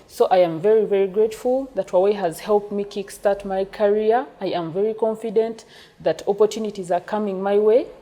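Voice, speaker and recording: A woman's voice: medium pitch, dark tone. A young woman with a Ugandan accent, from western Uganda, speaking earnestly and gratefully in a documentary interview about her engineering career. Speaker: network engineer.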